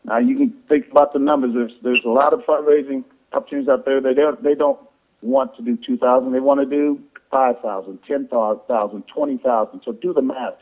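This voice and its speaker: Male sales presenter, mid-pitched, informal and halting, repeats himself, heard on a narrow phone-conference line. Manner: repetitive, halting explanation with false starts. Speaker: presenter on an affiliate sales call. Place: conference call over the phone. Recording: tinny, band-limited phone conference line.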